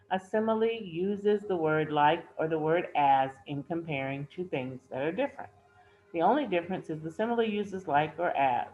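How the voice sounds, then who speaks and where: A woman's voice: sits low, phone-quality sound, a little hiss or hum. A woman teacher giving a recorded workbook lesson to students, patiently repeating and rephrasing key terms, and reading a poem aloud with stress on the line endings.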